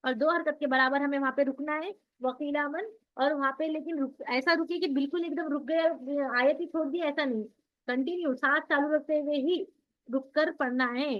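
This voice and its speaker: A woman teaches Quran recitation rules online in a high voice, with fairly even intonation and a moderate pace. She explains patiently and responds to the questions she asks herself. The recording quality is dull and lo-fi.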